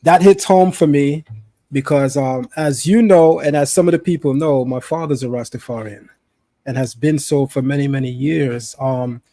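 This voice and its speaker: A man's voice: mid-range voice, normal speed, warm tone, no room sound. A man hosting a live stream interview, upbeat and familiar, addressing his viewers as family. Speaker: host, interviewer.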